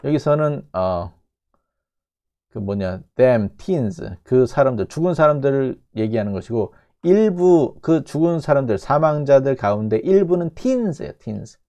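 A man walks students through a news clip, his voice gravelly and dark. He takes his time, repeating each English phrase and pulling it apart for meaning. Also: medium pitch, lively intonation. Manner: repeats English phrases slowly and breaks them down. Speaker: English teacher. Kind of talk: lecture explaining a news clip.

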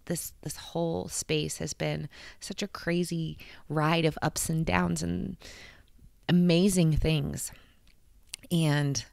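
Indoors in her bedroom, the vlog host holds a handheld mic close and speaks earnestly and encouragingly to camera in a casual motivational talk. Her voice is low, gravelly and a little mellow on a dry recording, and she often restarts and laughs.

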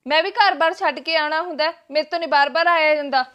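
A woman's voice: sits high, quick pace, fairly bright tone, highs cut off. A woman playing a stern grown daughter who scolds her brother and his wife for mistreating their father. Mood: scolding.

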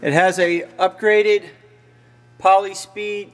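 Filmed on a handheld camera inside a big machine shop, a machinery dealer walks through a casual, no-frills product demo. He speaks slowly in a high, flat voice, and the space leaves a long reverb tail.

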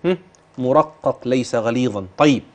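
A man with an Egyptian Arabic accent teaching Quran recitation, asking questions and reciting example words slowly and drawn out. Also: mid-range voice, a little mellow. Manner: patient, questioning and drilling the listener. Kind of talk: tajweed lesson, modelling recitation.

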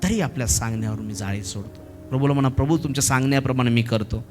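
A man with a Marathi accent preaching a sermon as pastor, impassioned and building to shouted exhortation, leading the congregation in repeated prayer lines. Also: mid-range voice, fast talker, soft background music. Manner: leads congregation in repeated call-and-response prayer.

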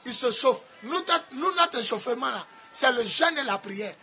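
A man from Côte d'Ivoire with an Ivorian French accent, preaching a sermon in a sing-song cadence with sudden shouts. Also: very high-pitched, animated, normal speed, faint music behind. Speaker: apostle preacher.

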